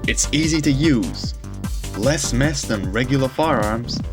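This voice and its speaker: A man's voice: mid-range voice, lively intonation, a little slow, close to an everyday voice. A man playing a punchy infomercial announcer, reading emphatic questions and instructions as a scripted voice-over. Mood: hard sell. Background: loud music.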